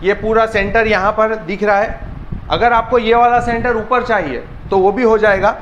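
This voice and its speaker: A man shows off a laser leveler in a small tool shop, talking viewers through every step in a casual demo. His voice sits high and bounces around the room. The sound is a little dull with a faint hiss behind it. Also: fairly even intonation, normal speed, fairly bright tone. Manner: explains step by step, keeps telling viewers to look. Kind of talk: casual product demonstration. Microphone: handheld camera filmed by another person. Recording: echoey room, slightly dull, faint noise.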